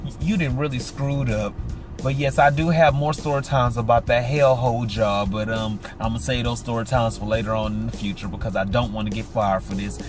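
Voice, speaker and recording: A man vlogging a storytime, retelling a work clash with indignant outbursts and dropping low and quiet for asides. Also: brisk, over music. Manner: animated, indignant retelling with sharp pitch jumps; drops low and quiet for asides and sign-offs. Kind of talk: storytime vlog.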